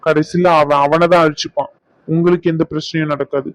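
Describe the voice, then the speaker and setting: A man voicing a blunt, lecturing doctor in an animated drama. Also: fairly high pitch, fairly quick, dry recording, lightly acted, rough recording. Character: adult male doctor giving blunt advice.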